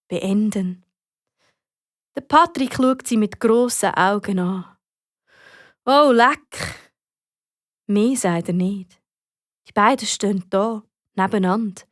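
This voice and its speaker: A woman with a Swiss German accent narrating a children's audiobook in a lively, expressive way. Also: fairly high pitch, no echo, clean studio sound. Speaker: storyteller.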